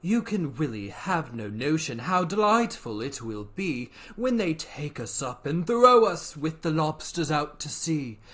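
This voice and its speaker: Someone voicing a slow, swooping, melancholy storybook turtle. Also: mid-range voice, big pitch swings, a bit bright. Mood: slow, mournful singsong. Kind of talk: theatrical storybook reading with slow sung verse.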